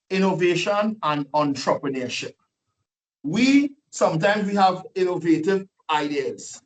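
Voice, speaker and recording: A man giving a lively, preachy motivational webinar talk full of rhetorical questions, over a video call. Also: on the high side, distant mic, rough recording. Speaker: guest speaker.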